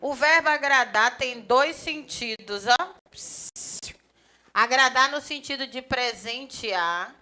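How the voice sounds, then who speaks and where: A grammar teacher, giving a lively classroom lecture. She chats with students and acts out little dialogues. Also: high-pitched, measured pace, few pauses. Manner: lively, chatty, acts out little dialogues, often points things out with "ó". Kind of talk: live classroom lecture for a civil service exam course.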